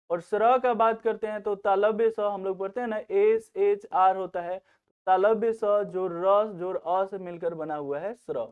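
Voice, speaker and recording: High-voiced man teaching grammar on a tinny line. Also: clear, resonant tone. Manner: repeats "theek hai na" as a check-in. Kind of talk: Hindi grammar lesson. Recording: tinny phone-like recording.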